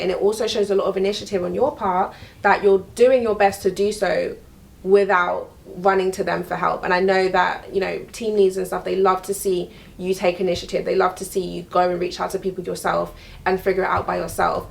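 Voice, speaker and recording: Frank young woman, creaky voice. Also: fairly low pitch, little pitch movement, brisk. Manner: frank and emphatic, repeats key points. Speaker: vlogger giving career advice. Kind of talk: direct-to-camera advice talk.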